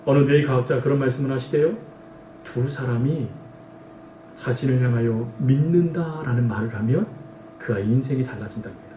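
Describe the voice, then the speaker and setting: A man's voice: medium pitch, brisk, mellow, roomy sound, distant mic, slight background noise, low-quality recording. A male pastor preaching a sermon, emphatic and full of rhetorical questions to the congregation. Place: church sanctuary.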